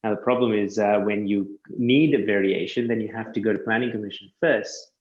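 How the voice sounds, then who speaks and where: A man who works as a land surveyor, chatting casually and explaining things step by step with quick self-corrections. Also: fairly low pitch, steady tone, echoey room, dull audio. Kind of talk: casual podcast chat.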